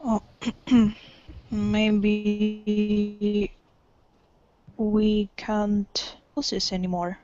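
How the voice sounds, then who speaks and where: A woman's voice: mid-range voice, monotone, warm tone, dry recording, faint music behind. Woman on a choppy, breaking-up call. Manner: slow, halting speech. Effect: choppy, breaking-up call audio. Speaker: student. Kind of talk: online class answers. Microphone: video call. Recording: muffled, choppy video-call line.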